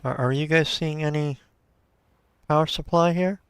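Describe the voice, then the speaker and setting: A man's voice: fairly high pitch, fairly even intonation, normal speed, a bit bright, smooth. A man giving casual gameplay commentary as a let's play host, thinking aloud and talking to his viewers.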